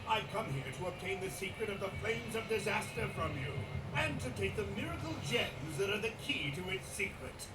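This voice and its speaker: A man's voice: sits high, lively intonation, fairly quick, hardly any pauses, loud music behind the voice. A man voicing a pompous villainous doctor in a video game cutscene, with formal, theatrical delivery. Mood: smug menace. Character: pompous male villain doctor menacing a princess. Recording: distant, roomy game clip with noise.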